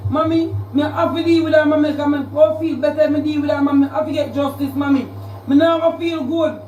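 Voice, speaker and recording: A Jamaican woman with a high voice delivers a heated livestream rant, circling back over the same points as she calls someone out. She sounds roomy, picked up by a phone mic from a few steps away. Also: steady tone, fast, a little mellow, recorded from a distance, muffled recording, slight background noise. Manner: confrontational, repetitive, calling out a rival. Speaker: social media livestreamer.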